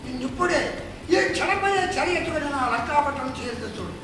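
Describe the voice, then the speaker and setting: A man's voice: extremely high pitch, expressive, a little fast. A man playing Ravana, a boastful demon king, declaiming grandly and imperiously in folk puppet theatre. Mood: boastful, menacing. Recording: very echoey, distant mic, music behind.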